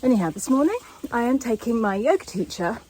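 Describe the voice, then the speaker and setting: A woman's voice: a little high, sing-song, a little fast, mellow, slight background noise, poor audio. A woman talking casually to camera in a vlog while climbing mountain steps outdoors, out of breath. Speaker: vlogger.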